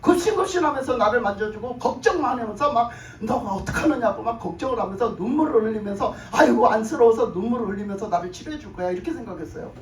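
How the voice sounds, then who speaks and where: A man preaches a sermon in a very high voice, retelling a story and slipping into the lines of its characters. He repeats his phrases for emphasis. He is picked up from a distance in an echoing church room, with a faint hum of the room behind him. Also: expressive, fast, few pauses. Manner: acts out characters' speech in the story. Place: church sanctuary. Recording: echoey room, mic at a distance.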